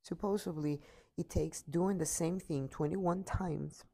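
A woman's voice: on the low side, steady tone, unhurried, creaky, dark tone, breathy edge. A tired woman giving an earnest, repetitive motivational talk into her computer mic.

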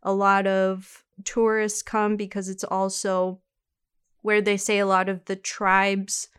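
A woman co-hosting a casual true-crime podcast, chatty, telling the story with quick asides. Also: medium pitch, level tone, fairly bright tone, smooth. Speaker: podcast co-host.

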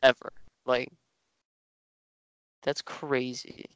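A man's voice: mid-range voice, little pitch movement, extremely slow, fairly bright tone, smooth, dry recording. A man co-hosting a podcast in casual chat, teasing and sarcastic, swearing freely. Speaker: podcast co-host.

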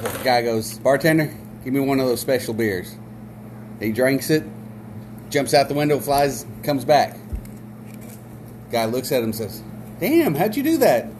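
A man co-hosting a podcast, telling jokes in an animated, laughing way. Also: mid-range voice, a little hiss or hum. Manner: animated storyteller, quick laughs. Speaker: podcast co-host. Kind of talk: casual podcast banter, telling a joke.

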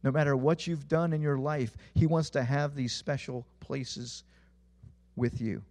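A young adult man preaches a sermon as a pastor, earnest in tone, posing questions to his listeners and dropping his voice low at the ends of phrases. His tone is steady and a little mellow, and he speaks a little slowly.

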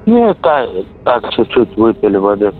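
Low-voiced soldier on a tinny radio intercept. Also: male voice, very animated, a little slow. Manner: blunt, swearing. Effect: heard over a radio or intercepted phone line. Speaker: soldier at the front phoning home. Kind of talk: casual phone call. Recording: tinny phone-like intercept, music laid over.

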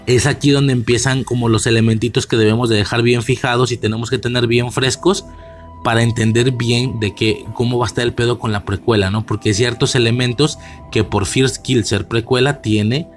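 A man's voice: medium pitch, fairly even intonation, moderate pace, faint music behind. A man with a Mexican accent giving a casual film commentary, rambling and slangy, with many fillers and restarts. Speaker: movie reviewer.

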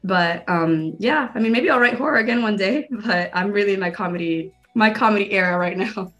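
A woman's voice: mid-range voice, brisk, a bit bright, soft background music. A young woman from Miami, a guest filmmaker and stand-up comedian, chatting casually in an interview and filling her sentences with "like". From Miami, Florida. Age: young adult. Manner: chatty, lots of "like" fillers.

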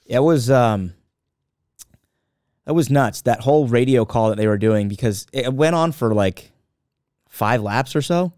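A man co-hosting a casual podcast, blunt and quick to swear, retelling things with animation. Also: mid-range voice, darkish tone, no echo, clean studio sound. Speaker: podcast co-host. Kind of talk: casual chat.

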